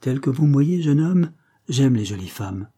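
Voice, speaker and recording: A scheming middle-aged gentleman sleuth, suave and coaxing as he feigns innocence, voiced by a male reader. His tone is very dark and mellow, with a husky edge. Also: mid-range voice, animated, normal speed, pitched above the performer's own voice, natural voice. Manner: suave, persuasive, mock-naive. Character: smooth scheming middle-aged police poet. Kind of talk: audiobook character voice.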